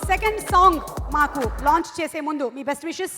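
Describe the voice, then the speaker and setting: A woman's voice: sits high, brisk, bright, forceful tone, soft background music. A woman anchoring a film event on stage, formally welcoming guests in a reverberant hall. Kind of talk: stage announcing.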